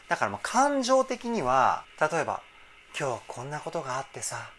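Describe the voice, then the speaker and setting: A male vocal coach talking enthusiastically as he breaks down a song, pausing to try out the parts himself. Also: a little high, a bit bright, slight background noise. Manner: enthusiastic, explains while trying out sung examples. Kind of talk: reaction and vocal analysis talk.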